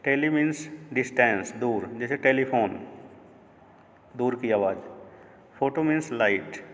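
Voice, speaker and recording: A man teaching a grammar lesson on a video channel, breaking words into parts and explaining them in Hindi, slowly and deliberately. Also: mid-range voice, expressive, in a large hall. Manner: slow, deliberate, spelling out word parts and glossing them in Hindi. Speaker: English teacher.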